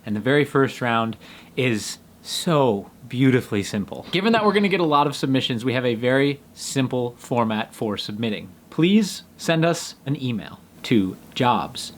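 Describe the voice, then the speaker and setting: A man hosting a video, reading out job application instructions in a deliberate, robot-like, step-by-step manner. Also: mid-range voice, very animated. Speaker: host announcing a job opening. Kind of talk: scripted instructional presentation.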